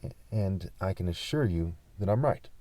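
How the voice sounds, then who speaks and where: A man from California talking insistently in an unscripted vlog monologue, pausing often with fillers. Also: low voice, animated, warm tone, dry recording. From California, USA. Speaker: vlogger.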